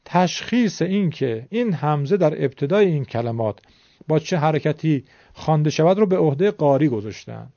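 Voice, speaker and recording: Male teacher, patient and polite lesson delivery, slightly raised pitch, lo-fi recording. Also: dark tone, no room sound. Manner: patient, addresses viewers politely. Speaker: Quran recitation teacher. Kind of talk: explanatory lesson.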